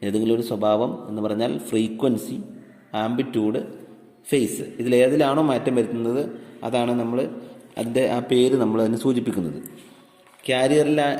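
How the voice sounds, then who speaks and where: A man's voice: medium pitch, mellow. Man teaching in an echoey room. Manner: asks questions and answers them himself, repeats key points; reads English definitions slowly word by word. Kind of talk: classroom lecture explaining electronics. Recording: echoey room with long reverb.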